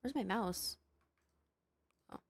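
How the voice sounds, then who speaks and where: A woman's voice: mid-range voice, takes it slowly, vocal fry, husky. A young adult woman streamer chatting casually with her viewers during a live game stream, greeting them by name. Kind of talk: casual livestream chat.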